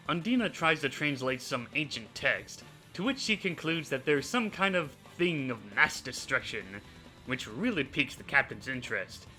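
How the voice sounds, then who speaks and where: A man hosting a video, narrating a character recap in an animated storytelling manner. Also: medium pitch, poor audio. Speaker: host. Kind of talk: scripted narration.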